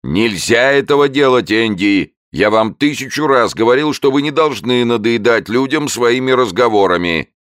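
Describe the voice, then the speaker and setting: A nervous, apologetic zookeeper, acted by a man, whose voice jumps high above the narrator's deep tone. He fusses and pleads in quick, worried bursts, with a gravelly catch underneath. The sound is dry and close, as in a storybook reading. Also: sing-song, no room sound, full character voice. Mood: scolding. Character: flustered, apologetic male zookeeper.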